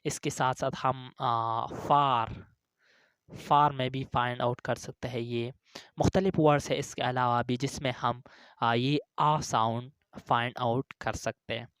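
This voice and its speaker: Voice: mid-range voice, fairly even intonation, normal speed, clean tone, no echo, clean studio sound. An English teacher explaining phonetic symbols, who ends nearly every phrase with "okay", draws out hesitant fillers, and repeats each sound and example word several times.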